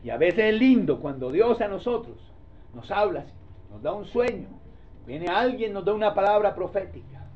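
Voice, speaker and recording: A male pastor preaching a sermon, swinging from loud exhortation to hushed asides. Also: high-pitched, sing-song, moderate pace. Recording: dull lo-fi sermon recording.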